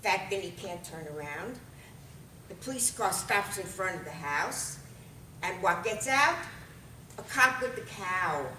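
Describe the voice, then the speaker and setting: A woman telling a comic story, animated and lively, with bursts of loud exclamation. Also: mid-range voice, a little slow, slight background noise. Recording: roomy and far from the mic.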